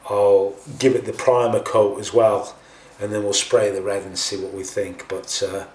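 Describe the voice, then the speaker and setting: Male hobby tutorial host, lowish pitch, informal and hesitant, picked up from a distance with faint noise. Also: little pitch movement, normal speed, darkish tone, roomy sound. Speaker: host of a scale model painting tutorial. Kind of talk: casual hands-on tutorial talk.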